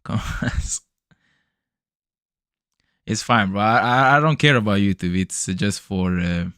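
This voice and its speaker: On his live stream, a young futures trader chats loosely about his trades, laughing, swearing and calling chat bro. His parents are Serbian, though he grew up elsewhere in Europe. His fairly low voice has lively intonation and a measured pace, and sounds a bit bright, clear and resonant, in a dry, clean studio recording.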